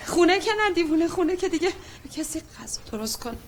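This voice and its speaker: A woman's voice: extremely high pitch, expressive, a little mellow, a little hiss or hum. An actress playing an anxious, overprotective middle-aged mother in a film drama, worried and pleading with her son. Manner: worried, pleading, then heated.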